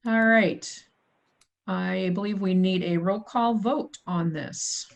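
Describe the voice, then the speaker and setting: Middle-aged woman, committee chair, procedural agenda reading on a video call, mid pitch. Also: takes it slowly, low-quality recording. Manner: procedural, apologetic, self-correcting. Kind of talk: formal meeting chairing.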